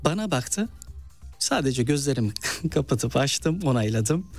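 Speaking at a measured pace in a mid-range voice, this man from Malatya in eastern Turkey carries an eastern Turkish accent. He's a novelist and actor, an animated storyteller in an interview who performs the quoted lines, with soft music underneath.

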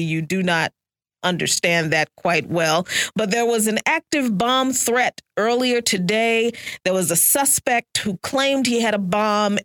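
A woman hosting a talk radio show, lively and laughing as she talks. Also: mid-range voice, no echo, clean studio sound. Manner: lively, laughs while talking. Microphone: studio microphone.

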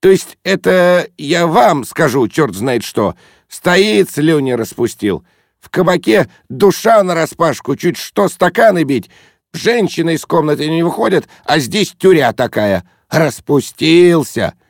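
A man voicing a brash, overfamiliar man who teases and shouts in bursts, in an audiobook reading. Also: medium pitch, lively intonation, measured pace, gravelly, no room sound, clean studio sound, voice pushed up. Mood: cheeky, brash. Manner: boisterous, teasing, shouty bursts. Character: brash overfamiliar loud man, mocking, pushy.

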